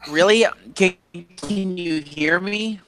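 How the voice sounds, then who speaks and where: A man speaking over a glitchy online call that keeps dropping out and breaking up, his words arriving choppy and jittery. He talks in a halting way, restarting his sentences and asking whether he can be heard. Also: sits high, a bit bright, faint music behind, low-quality recording. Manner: halting, restarts his point, confused by lag. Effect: choppy online call audio breaking up. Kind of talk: casual group chat on a voice call.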